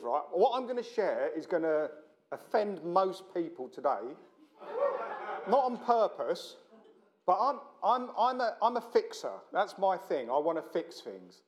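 Man, middle-aged, South London accent, slightly high-pitched voice, informal preaching, chatty, blokey, joking. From South London, England. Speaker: visiting preacher. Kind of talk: informal sermon to a church meeting.

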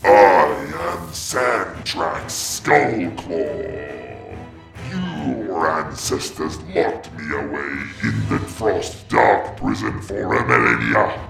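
Sandrak, an ancient dragon with a booming, magically amplified voice. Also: male voice, creaky, heavily acted. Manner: slow, menacing, commanding threats. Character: ancient male red dragon, cruel and domineering. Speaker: game master. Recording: echoey and distant, music behind.

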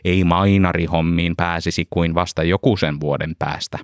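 Deep-voiced calm male narrator. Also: no room sound, studio quality. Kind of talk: audiobook narration.

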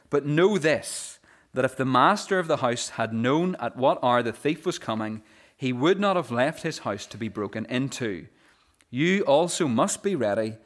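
A man preaching a sermon in an earnest voice. He often repeats words as he starts a phrase, and he slows down when he reads scripture aloud. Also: mid-range voice. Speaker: pastor.

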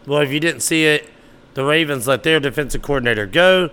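A man's voice: on the high side, a little fast, sharp tone, clear, resonant tone. A man hosting a solo sports podcast, talking casually and animatedly, sometimes arguing back at imagined listeners. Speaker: podcast host.

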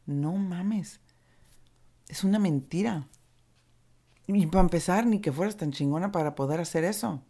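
Low-voiced Mexican woman, frank and warm-toned. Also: unhurried, long pauses. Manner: candid and earthy, mixing gentle encouragement with casual swearing. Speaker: recovery speaker. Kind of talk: reflective motivational monologue.

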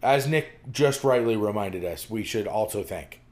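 A man's voice: fairly low pitch, expressive, unhurried, darkish tone. A man co-hosting a podcast in casual chat, rambling with lots of fillers and restarts. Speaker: podcast co-host.

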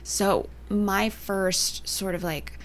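A young adult woman from Canada and Northern California, chatting as an interview guest, soft-spoken and often trailing off into near-whispers. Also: medium pitch, steady tone, very slow, slight background noise. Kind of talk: casual interview chat.

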